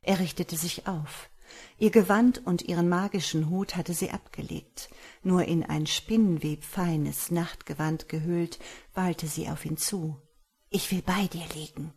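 Woman storyteller, low husky voice, measured dramatic reading. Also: a little mellow. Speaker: narrator. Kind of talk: storytelling audiobook narration.

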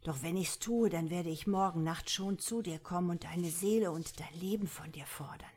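A woman reading the lines of an evil demon spirit from a fairy tale, hissing slowly and menacingly. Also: fairly low pitch, darkish tone, husky.

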